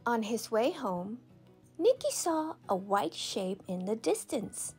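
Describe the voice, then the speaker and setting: A woman reading a children's picture book aloud as a storyteller, with expressive, dramatic and deliberate phrasing. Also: a little high, soft background music.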